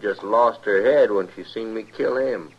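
Sly, gravelly western outlaw. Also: male voice, lowish voice, unhurried. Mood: sly, callous. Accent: American. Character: cocky, sly, callous cowboy gambler outlaw. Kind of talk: old-time radio western acting. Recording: noisy, dull old radio recording.

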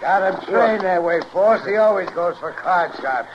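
An actor playing a surly, menacing American cowboy in a radio western, mouthy and taunting in frontier talk. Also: male voice, sits high, expressive, moderate pace. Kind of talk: old-time radio western acting. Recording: muffled, slightly noisy old radio recording.

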